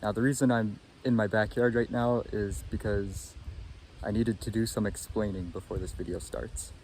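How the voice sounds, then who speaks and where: Poor audio with a little hiss or hum captures a rock-hunting vlogger, a young man with a low, darkish voice. Filming on a phone held at arm's length, he chats in a relaxed, plain way, whether out in a yard and rock field or sitting in a parked van.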